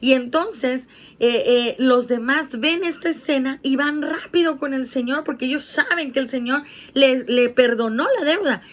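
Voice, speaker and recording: A woman's voice: high voice, normal speed. A woman preaching a sermon, retelling a parable and reading scripture aloud, talking directly to viewers watching a video. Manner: earnest teaching, addresses viewers directly. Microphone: streamed video.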